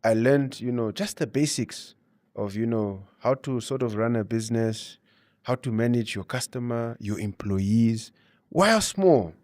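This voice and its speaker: Here the Namibian interviewee talks at a measured pace, his medium-pitched voice expressive and darkish. He explains points through advice and anecdotes, often saying "you know" and "you see," captured in clean studio sound without any room sound.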